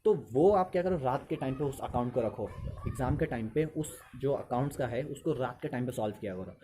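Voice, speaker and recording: Male teacher, chatty and repetitive, mid-pitched, recorded with a noisy hiss. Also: expressive, a little fast, mellow. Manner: conversational, repeats phrases, mixes English into Hindi. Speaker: teacher giving study tips. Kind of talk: casual spoken study advice.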